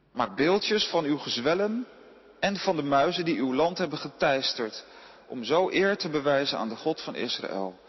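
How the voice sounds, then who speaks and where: A man reading a Bible passage aloud at a steady pace, now and then correcting a slipped word. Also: on the high side, husky, long reverb tail, muffled recording. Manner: steady reading with occasional slips and self-corrections. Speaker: scripture reader.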